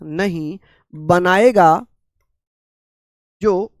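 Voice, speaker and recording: गले में हल्की खराश के साथ एक पुरुष शिक्षक ऑनलाइन कक्षा में धीरे-धीरे समझाते हैं, और खुद ही सवाल पूछकर उनका जवाब देते हैं।. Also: male voice, sits high, no echo. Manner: slow, repetitive, asks and answers own questions. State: sore throat, speaking gently. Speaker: teacher. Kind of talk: live online exam-prep class.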